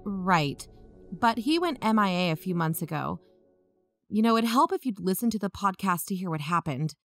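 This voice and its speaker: A woman with a mid-range, fairly bright, animated voice speaks at normal speed over faint background music. She plays an earnest young amateur investigator and podcaster, concerned and probing in a natural, matter-of-fact manner, across audio drama narration and natural phone dialogue.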